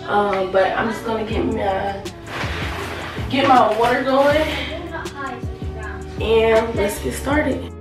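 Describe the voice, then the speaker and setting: Slow-talking young woman, echoey bathroom. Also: a little high. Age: young adult. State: sick, with an affected voice. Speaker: natural hair vlogger. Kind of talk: casual tutorial chat to camera. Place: small tiled home bathroom, indoors. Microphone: camera mic a short distance away. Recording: echoey bathroom, distant mic, music behind.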